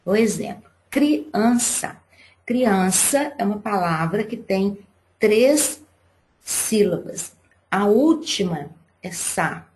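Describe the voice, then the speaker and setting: A woman's voice: mid-range voice, animated, slow, darkish tone. A woman teacher giving a live online class to young pupils, explaining patiently and step by step.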